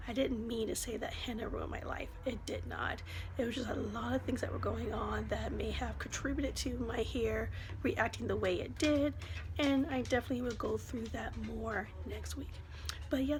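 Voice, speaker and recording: A woman vlogger talking casually to her viewers, her voice lost to a cold, breathy and whispery, fading in and out. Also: a little high. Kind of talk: casual vlog talk to viewers. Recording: noisy home recording.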